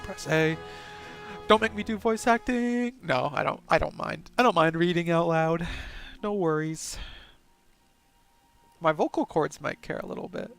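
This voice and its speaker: A man's voice: fairly high pitch, unhurried, creaky, long pauses, a bit bright, soft background music. A man hosting a let's play with casual, joking commentary and a stuffy nose, reading game dialogue aloud.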